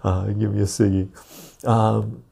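A man hosting a casual live stream in a laid-back, jokey way, with a gravelly, husky voice, recorded on a clip-on lapel mic. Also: fairly low pitch, flat delivery, unhurried, mellow. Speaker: live stream and podcast host. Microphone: lapel mic clipped on.

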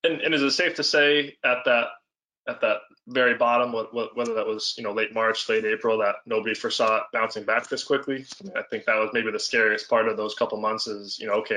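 A man's voice: on the low side, sharp tone, low-quality recording. A man hosting a podcast, asking eager, rambling questions. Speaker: podcast host. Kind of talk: interview questions.

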